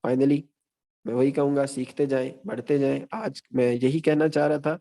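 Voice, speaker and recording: Gravelly, mellow-toned male lecturer. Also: medium pitch, level tone. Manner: measured, explanatory, recaps points. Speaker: guest lecturer. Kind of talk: online teaching session.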